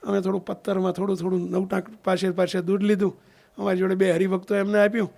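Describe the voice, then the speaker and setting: High gravelly swami preaching. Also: male voice, level tone, fast talker, a little mellow. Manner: keeps asking the listeners "understood?"; acts out the voices of people in his stories. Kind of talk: sermon storytelling in a Gujarati satsang.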